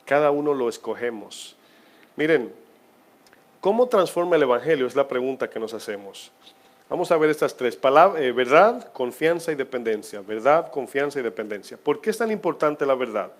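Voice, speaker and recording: A man preaching a sermon as pastor of his church, asking the congregation questions and moving between loud emphasis and quiet, drawn-out phrases. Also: mid-range voice, animated.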